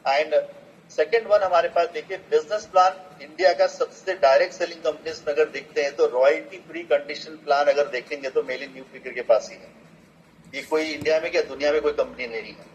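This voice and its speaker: A man's voice: a little high, steady tone, a little fast, slight background noise. A man giving a motivational business presentation, rallying his audience with rhetorical questions. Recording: dull lo-fi sound with faint ambience.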